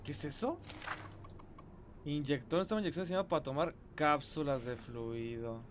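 Mexican guy freaking out thru a horror game, high jumpy voice, noisy mic. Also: moderate pace. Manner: jumpy, yelps and rambles nervously to himself. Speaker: gaming streamer. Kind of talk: horror game let's play.

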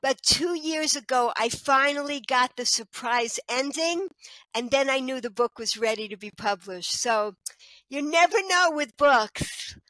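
On a headset mic in a small room at home, a middle-aged woman who writes children's books chats as a guest on a casual video call. Her high-pitched voice moves at a measured pace, lively and full of gestures and "you know"s. There's no echo, but the audio is poor.

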